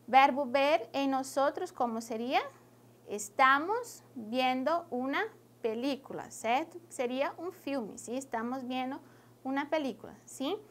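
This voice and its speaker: High-voiced woman teaching Spanish. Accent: Brazilian Portuguese. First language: Portuguese. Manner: slow, explanatory, checks understanding with a rising "¿sí?". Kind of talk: classroom lesson.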